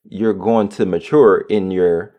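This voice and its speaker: A man's voice: sits low, steady tone, slow, highs cut off. A man chatting casually as a podcast co-host, plain-spoken and agreeable. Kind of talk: casual conversation.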